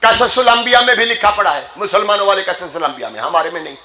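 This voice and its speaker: A man delivers a Muharram sermon in a high, bright voice. He moves from measured explanation to fervent, shouted passages. The hall around him rings with echo. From Sindh, Pakistan. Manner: rising to impassioned shouting, switches between Urdu and Sindhi. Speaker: Muharram majlis preacher. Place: majlis gathering hall. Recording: echoey gathering hall.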